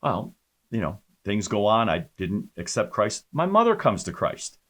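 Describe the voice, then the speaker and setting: A male pastor recounts his personal testimony in a lively, storytelling manner. His pitch swings widely as he talks, and he often stumbles over fillers and restarts his sentences. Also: unhurried.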